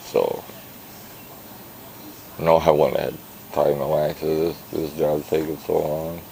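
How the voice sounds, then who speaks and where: A very deep-voiced man with a gravelly edge talks slowly, tired and worn out, mumbling as he rambles through a casual vlog. His words trail off often, and faint noise sits behind him. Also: little pitch movement, mellow, poor audio. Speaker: vlogger. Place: outdoors at a garage.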